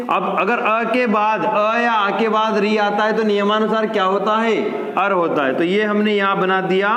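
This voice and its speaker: A man's voice: high-pitched, a bit bright, echoey room, big-room sound. A man teaching a grammar lesson, who asks questions and then answers them himself.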